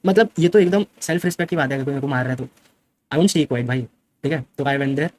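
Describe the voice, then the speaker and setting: A young man, a streamer, retelling a fight in a fast and defensive way and mixing in English words. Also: medium pitch, no echo. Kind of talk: casual storytelling.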